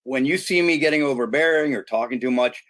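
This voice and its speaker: This podcast guest is a middle-aged youth sports consultant from the United States with a mid-range, somewhat bright voice and a fast pace. Earnest and emphatic in the interview, he restarts his sentences often.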